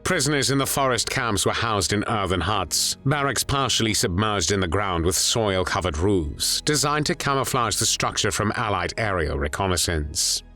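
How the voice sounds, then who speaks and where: A man reading scripted documentary narration in a grave, measured way. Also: fairly low pitch, expressive, sharp tone. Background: faint music.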